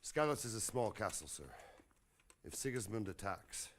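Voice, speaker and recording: An actor playing a stern veteran knight in a video game, speaking in blunt soldierly commands. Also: male voice, on the low side, big pitch swings, normal speed, a little hiss or hum. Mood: steady. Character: Sir Robard, stern veteran knight, gruff.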